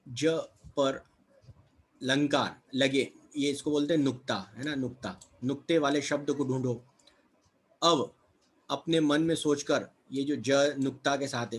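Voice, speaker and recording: A man teaching a children's textbook lesson, asking questions and then answering them himself, checking in with little tag phrases. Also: medium pitch. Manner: asks questions then answers them, repeats words with "है ना" and "ठीक है".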